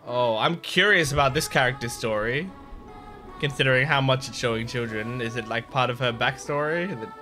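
With a mid-range, bright, forceful voice and a brisk pace, a man in his twenties reacts on YouTube, enthusiastic, gushing and swearing in casual, excited chat. He's close to a desk boom microphone at a computer desk in a small bedroom, with game trailer music in the background.

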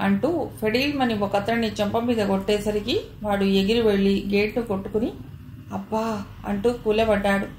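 A woman narrating an audio novel in a dramatic, expressive reading. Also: on the high side. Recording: roomy echo, faint hiss.

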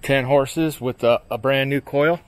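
A man's voice: mid-range voice, unhurried. A man touring the barn, who chimes in with short agreements and brief questions. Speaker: video maker asking questions. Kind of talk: casual chat.

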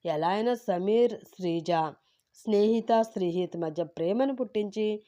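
A woman's voice: mid-range voice, normal speed, warm tone, dull audio, natural voice. A woman voicing a boastful, scheming older man in a storybook narration. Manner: boastful and blustering.

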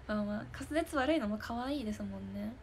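There's vocal fry in this young woman's mid-range voice, along with slight background noise. In her twenties, she's an idol hosting a live stream talk show, casually chatting and giggling through viewer comments with frequent laughter.

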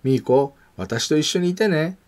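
A man's voice: on the high side, lively intonation, moderate pace, a little mellow, natural voice. A man voicing a stubborn, defiant little girl as he reads a picture book aloud, with a pouting, insistent manner.

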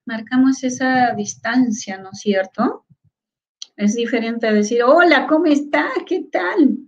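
A woman teaching a lecture on Quechua, sounding out syllables slowly and often stopping to ask whether her listeners follow. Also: fairly high pitch, highs cut off. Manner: asks many rhetorical check questions. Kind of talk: online lecture.

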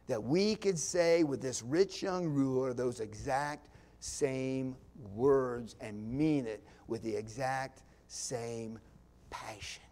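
Slow-talking, impassioned man preaching a sermon. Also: medium pitch. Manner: swings from hushed near-whispers to loud impassioned climaxes, drawn-out pauses; folksy, with small laughs and asides. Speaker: pastor. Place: church sanctuary.

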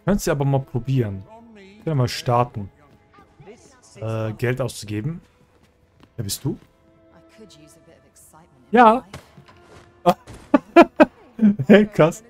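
Casting: Let's-Player, Mann, locker und verspielt, redet mit Spielfiguren. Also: male voice, medium pitch, expressive, measured pace, long pauses, a little mellow, soft background music. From German-speaking country. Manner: chatty and joking, talks to game characters. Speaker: let's play host. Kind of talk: casual gameplay commentary.

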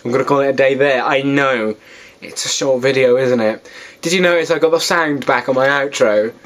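A seventeen-year-old Welshman vlogs from his small bedroom, rambling casually and self-deprecatingly to his webcam. His voice is medium-pitched and fairly bright, at a moderate pace.

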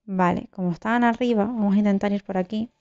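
A young woman from giving live gameplay commentary, excitable, swearing and talking to her viewers. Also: mid-range voice, quick pace, lo-fi sound. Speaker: gaming YouTuber.

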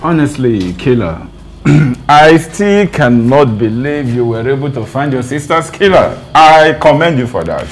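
An actor plays a Nigerian police detective in a film drama. He is gentle and complimentary, with a mid-pitched voice that moves around in an animated way. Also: measured pace, soft background music, lightly acted. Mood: admiring.

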